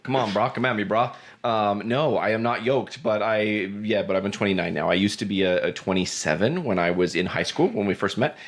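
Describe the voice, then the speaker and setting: A man's voice: fairly low pitch, a little fast, hardly any pauses. A man in his thirties, a guest co-host who trades playful, teasing jokes in casual podcast banter.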